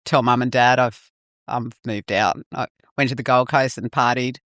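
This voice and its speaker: This podcast guest has a very deep, steady voice that is a bit bright, at a moderate pace, with a dry recording and clean studio sound. The middle-aged woman first spoke Fijian, was born in Fiji and grew up in New Zealand, and in casual interview chat she shares her life story in a frank, easygoing style with swearing.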